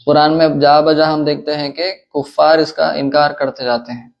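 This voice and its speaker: A man teaching a religious lesson in a measured, explanatory way, with hesitations and quick Arabic recitation. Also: a little high, little pitch movement, gravelly, muffled recording. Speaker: teacher of Islamic creed and law.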